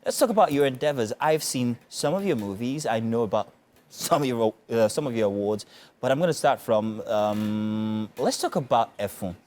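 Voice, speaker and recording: A man leads the interview in a mid-range voice. He keeps it conversational, restating answers and nudging along with quiet mm-hmms. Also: mid-range voice, lively intonation, normal speed. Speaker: interview host. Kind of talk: interview questions.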